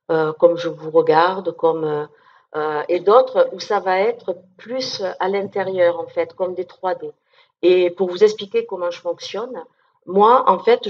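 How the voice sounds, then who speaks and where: A down-to-earth woman talks to an audience in an informal, chatty way, filling pauses and checking in as she goes. Her voice sits a little low. The recording sounds dull and lo-fi. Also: darkish tone. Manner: down-to-earth, chatty, many fillers and check-ins. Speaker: medium giving a talk. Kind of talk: informal conference talk to an audience. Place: conference room with an audience.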